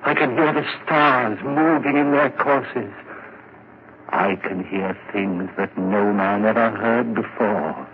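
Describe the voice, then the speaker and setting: Fervent, haunted low-voiced musician. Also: male voice, soft background music. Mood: rapt, fervent. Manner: intense, rhapsodic, dramatic pauses. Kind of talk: 1940s radio drama acting. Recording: muffled, noisy vintage radio recording.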